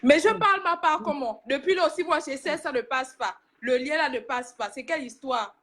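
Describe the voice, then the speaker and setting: A woman calling into a livestream by phone, calm and practical in tone. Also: sits high, fairly quick. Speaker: caller. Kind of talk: casual phone call.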